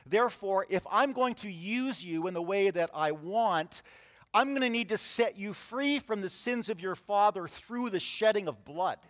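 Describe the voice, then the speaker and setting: A man preaching a sermon, reading scripture aloud and retelling it with lively, acted-out voices. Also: high voice, moderate pace, long reverb tail. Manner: animated storytelling, acts out voices in the scripture reading.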